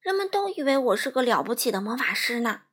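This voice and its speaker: A woman's voice: on the high side, very animated, fast talker, slightly rough, heavily acted. A woman putting on a timid little old wizard. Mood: hushed. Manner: trembling, pleading, hushed.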